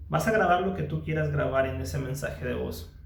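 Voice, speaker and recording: Guy teaching mindfulness, kinda high gravelly voice, echoey room, keeps checking in with the listener. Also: moderate pace. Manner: patient, repeats phrases and checks in with frequent questions. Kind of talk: guided mindfulness lesson.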